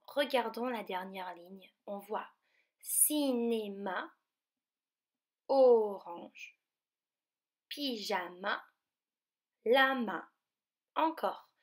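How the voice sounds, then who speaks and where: A woman teacher from France giving a remote lesson to young children, speaking slowly and carefully and stretching out each word. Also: medium pitch. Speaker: primary school teacher.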